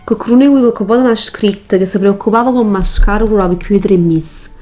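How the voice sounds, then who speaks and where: A woman's voice: mid-range voice, a little fast, warm tone. A woman speaks in a mid-range voice with a Neapolitan Italian accent, over background music. She talks like a chatty tutorial vlogger, slipping into dialect. Her delivery is colloquial and emphatic, with instructions repeated for emphasis.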